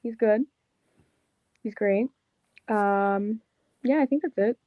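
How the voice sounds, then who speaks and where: A young woman with a thick Long Island accent talks loosely and casually, packing her sentences with "like" and "um". Her voice sits at an ordinary pitch. The recording is dry and a little dull, with no room sound around her. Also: slow pace, no echo. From Las Vegas, Nevada. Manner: casual, slangy, lots of "like" and "um". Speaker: pro wrestler, interview guest. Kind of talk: casual interview chat.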